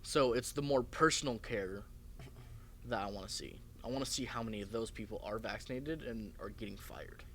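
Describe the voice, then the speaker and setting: A young American man co-hosts a podcast, his voice on the low side, fairly quick and a bit bright, with slight background noise. It's a casual group chat, and he talks bluntly and swears often.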